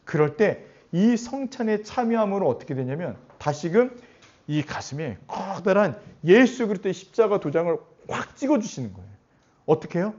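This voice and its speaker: A man preaching a sermon as pastor, animated and often putting questions to his congregation. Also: high-pitched, moderate pace. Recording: dull lo-fi recording.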